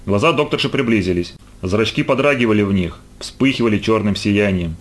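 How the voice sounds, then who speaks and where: A man narrating a story for an audiobook in a measured, expressive reading. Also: on the low side.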